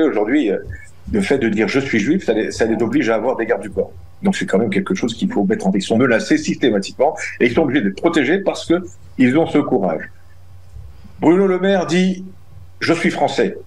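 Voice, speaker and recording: On the low side with a darkish tone, a middle-aged man answers interview questions as a community representative, captured in a rough recording. He's insistent and indignant, frequently starting his phrases over.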